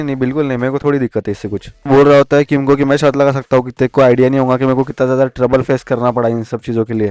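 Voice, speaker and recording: A man's voice: mid-range voice, a little mellow, clean tone, no echo. A man casually retelling a manga story in a chatty way, with slangy asides and English words mixed in. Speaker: manga recap narrator.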